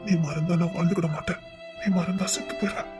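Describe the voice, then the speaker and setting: A woman acting as a devoted young husband who teases his wife and then pleads his love in a soft voice. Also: lowish voice, brisk, loud music behind the voice, lightly acted. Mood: tender. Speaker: actor in a romantic couple skit. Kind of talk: acted romantic dialogue.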